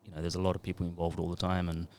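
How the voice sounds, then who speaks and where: Talking very fast in a completely flat, low voice with a slightly mellow quality, a producer and DJ in his thirties wanders loosely through a casual podcast interview at the mic.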